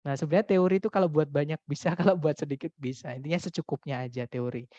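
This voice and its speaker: A man's voice: fairly high pitch, fairly even intonation, fast, dark tone, dry recording. A man teaching an English test-prep class online, reading out student questions and explaining casually. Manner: explains casually, answers students' chat questions read aloud. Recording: dull dry recording.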